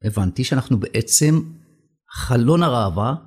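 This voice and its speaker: Man, Israeli accent, husky tone, middle-aged, medium pitch, emphatic, conversational executive interview style. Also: lively intonation, a little mellow. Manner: emphatic, repeats phrases for emphasis. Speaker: company country manager, interview guest.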